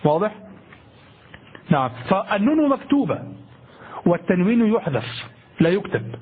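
A man's voice: high-pitched, big pitch swings, moderate pace, husky, phone-quality sound. A man teaching a grammar lesson, explaining patiently, repeating points and checking with his listeners, at times chanting memorized verse. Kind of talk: classroom lecture.

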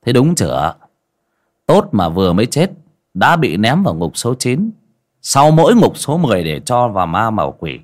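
A stern exorcist master, as a male narrator plays him, low and mocking, barking orders and scolding. His voice swings from gruff mutters to sharp rebukes. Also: very animated, normal speed.

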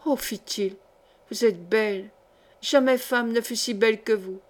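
A woman's voice: a little high, measured pace, close to an everyday voice. Woman reading a brooding vengeful nobleman. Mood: anguished. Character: embittered vengeful nobleman, middle-aged man. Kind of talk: audiobook character reading.

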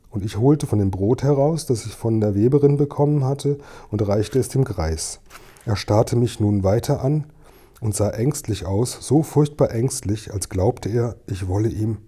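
A man narrating a children's story as an audiobook in a calm, measured way. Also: lowish voice, husky. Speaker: audiobook reader.

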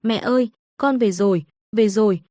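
A woman's voice: mid-range voice, moderate pace, warm tone, no room sound, clean studio sound, natural voice. A woman voicing a cowardly middle-aged male swindler who panics, pleads and sobs. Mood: pleading.

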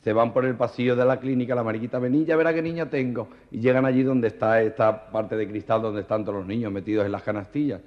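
A man telling jokes as a comedian, in a lively way. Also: fairly low pitch, fast talker, hardly any pauses. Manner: lively joke telling with voices. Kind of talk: stand-up joke telling. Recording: muffled reverberant old cassette.

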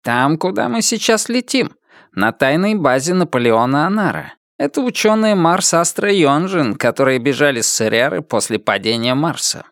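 A man's voice: on the high side, expressive, moderate pace, a bit bright, dry recording, clean studio sound, voice pushed up. A man voicing an earnest male robot cat pirate who explains his feelings in an audiobook.

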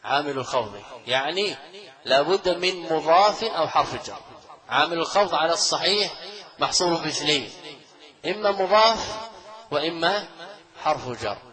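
A man's voice: a little high, animated, normal speed, pauses often, pushed and bright, poor audio. A man teaching a grammar lesson in a classroom lecture style, explaining step by step, repeating key phrases, asking his students rhetorical questions and chuckling often as he goes. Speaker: Islamic scholar teaching Arabic grammar.

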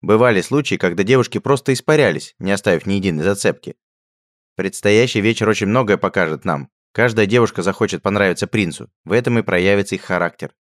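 A man doing a loud, teasing young comrade. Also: lowish voice, quick pace, dry recording, clean studio sound, voice pushed up, lightly acted. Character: mocking, jokey young male friend.

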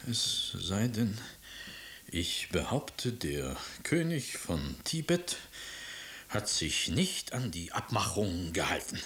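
A man's voice: deep voice, sing-song, takes it slowly, fairly bright tone, exaggerated voice. An actor playing a hot-tempered emperor and doting father, with theatrical swings of voice. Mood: indignant. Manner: theatrical, swings between stern and pleading. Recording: echoey room.

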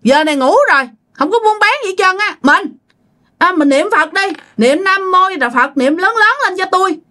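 A woman with a Southern Vietnamese accent playing a firm, stubborn old grandfather who gives orders loudly. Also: very high voice, animated, normal speed, voice pushed up, heavily acted. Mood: commanding. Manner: firm and commanding, raising his voice.

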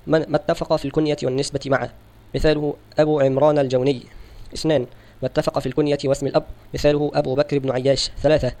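A man reading a religious scholarly text aloud for an audiobook, in a steady, formal recitation. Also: a little high, rapid-fire. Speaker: audiobook reader.

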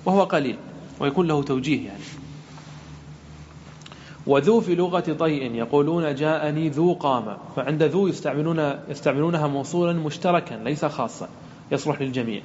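A man's voice: a little high, darkish tone. Patient male sheikh teaching grammar, lo-fi. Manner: patient, explanatory, repeats and drills forms; slows to recite verses and example sentences. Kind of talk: classroom grammar lesson. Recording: dull lo-fi recording with faint hiss.

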